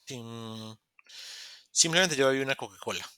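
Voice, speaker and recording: A man's voice: medium pitch, normal speed, sharp tone, clean tone, no room sound. A man teaching English grammar in an online class, patiently repeating examples and acting out short dialogues. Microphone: computer mic in a video call.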